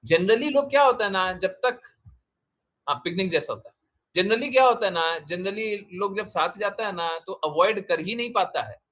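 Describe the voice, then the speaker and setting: Bright-voiced man giving a spiritual talk. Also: high voice, normal speed. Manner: emphatic, repeats phrases, asks rhetorical questions. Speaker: spiritual teacher. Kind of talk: devotional talk answering questions.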